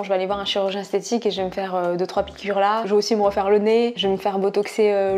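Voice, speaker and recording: A woman's voice: medium pitch, darkish tone. A woman in her thirties chatting candidly to viewers in a casual vlog, eating as she talks. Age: 30s. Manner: eating while talking. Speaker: food vlogger. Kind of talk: casual chat.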